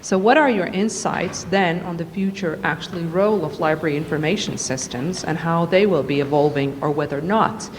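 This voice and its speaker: A woman's voice: low-pitched, brisk, hardly any pauses. A woman asking a long, earnest question from a conference audience. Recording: reverberant hall, faint noise.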